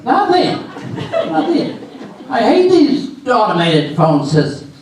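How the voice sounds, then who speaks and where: On a live readers theater stage, a man plays a grumpy, befuddled, forgetful husband battling phone menus in a comedy, grumbling in a halting, exasperated way. He uses a full character voice, very high with huge pitch swings. The distant mic catches a noisy, echoey hall.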